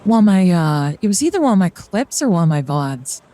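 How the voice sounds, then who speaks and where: On the low side and mellow, this young woman's sing-song voice moves fairly quickly as she chats on stream. She rambles and jokes through a card reading, dropping fillers and short laughs.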